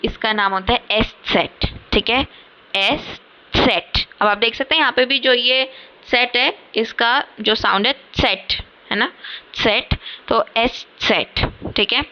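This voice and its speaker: A woman's voice: on the high side, moderate pace. A woman teaching a beginners' language lesson in casual Hinglish, patient and repeating herself often to check understanding. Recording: slightly dull lo-fi audio.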